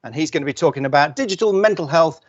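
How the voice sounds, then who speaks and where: A man hosting an online event, briskly introducing the speakers in an upbeat, announcer-like way. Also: on the high side, animated, dull audio. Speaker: event host.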